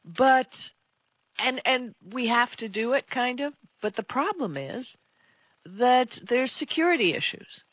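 A woman's voice: on the high side, animated, measured pace, dry recording, highs cut off. A woman co-hosting a tech talk show, chatting casually and giving her opinions in an emphatic, conversational way. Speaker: tech radio co-host.

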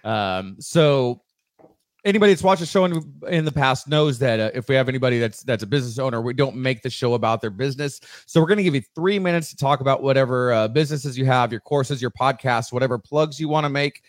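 A man's voice: mid-range voice, fast, no echo. Male podcast host, casual and profane, dry close-mic sound. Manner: swears casually, relaxed and joking. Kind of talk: casual chat and sponsor reads.

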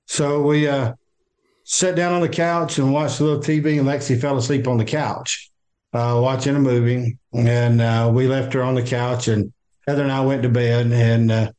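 Older Southern man, interview guest, speaks haltingly with fillers and restarts. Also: mid-range voice, flat delivery, a little mellow. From American South. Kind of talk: interview, personal account.

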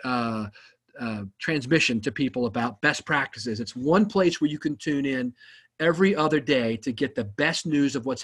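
A man's voice: medium pitch, fairly bright tone, slightly rough. A man hosting a podcast in a casual, enthusiastic way, with frequent ums and uhs. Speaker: podcast host.

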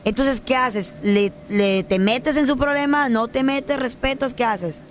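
A woman hosting a casual podcast, introducing the guest and asking quick questions. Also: high voice, a little hiss or hum. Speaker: podcast host.

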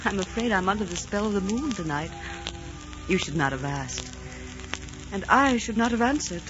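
A woman's voice: medium pitch, expressive, moderate pace, close to an everyday voice. A passionate young queen played by a female actor, regal and romantic in 1940s radio melodrama. Her voice rises and falls dramatically, heard through a dull old broadcast recording with music behind it. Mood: dreamy.

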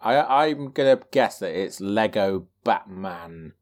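Low-voiced teasing man. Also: lively intonation, slow pace. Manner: teasing, jokey banter. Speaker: podcast co-host. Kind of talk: casual podcast chat.

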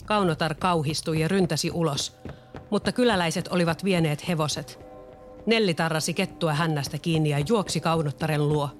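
A storyteller calmly narrating a children's story. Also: mid-range voice, soft background music.

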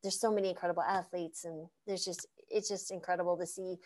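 A woman in her fifties hosting a casual interview, bubbly and quick to laugh. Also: fairly low pitch, fairly even intonation, darkish tone. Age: 50s. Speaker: host.

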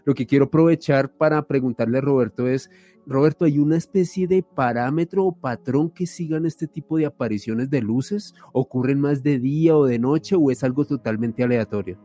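A man with a mellow, soft-edged voice of medium pitch joins a panel. He comments and asks questions politely, in a conversational style. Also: normal speed, soft background music. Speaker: panelist interviewer.

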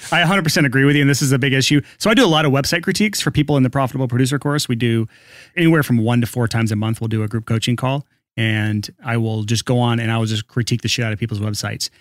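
A man co-hosting a podcast, blunt and teasing with deadpan jokes. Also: medium pitch, rapid-fire, dry recording, clean studio sound. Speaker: podcast co-host. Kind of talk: casual podcast chat.

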